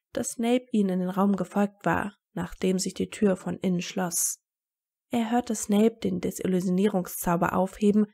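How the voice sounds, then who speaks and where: A woman reading a fan fiction story aloud in steady narration, giving the characters their own voices. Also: mid-range voice, vocal fry.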